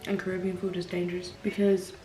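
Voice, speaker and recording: A woman's voice: on the low side, monotone, fast. A woman in her twenties doing a casual, slangy, sweary question-and-answer chat over a meal. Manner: informal, slangy, frequent swearing. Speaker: YouTuber answering viewer questions. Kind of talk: casual mukbang Q&A chat while eating. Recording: roomy echo with background music.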